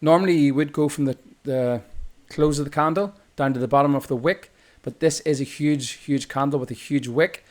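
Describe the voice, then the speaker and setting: A man's voice: fairly high pitch, normal speed, hardly any pauses. A man with an Irish accent, walking through a chart tutorial as a trading instructor in a loose, explanatory way, often correcting himself mid-sentence. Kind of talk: screen-recorded chart tutorial.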